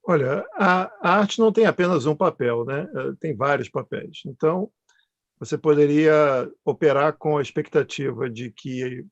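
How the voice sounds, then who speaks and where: Male panel guest, gravelly and halting, explanatory, dull dry recording. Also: a little high, no echo. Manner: halting, searching for words. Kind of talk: thoughtful explanatory answers. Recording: dull, close, dry sound.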